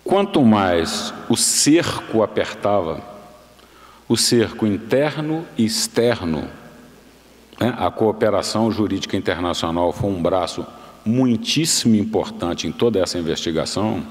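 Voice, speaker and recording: A Brazilian man in his sixties giving a formal lecture from a lectern in a large university auditorium, measured and explanatory, often restarting and correcting himself. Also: lowish voice, expressive. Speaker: guest lecturer. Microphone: lectern microphone. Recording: long hall reverb.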